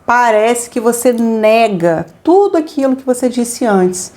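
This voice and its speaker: A woman co-hosting a family advice talk, lively, acting out examples of what parents say. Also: a little high, a little slow. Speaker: co-host giving family advice. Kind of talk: casual talk to viewers.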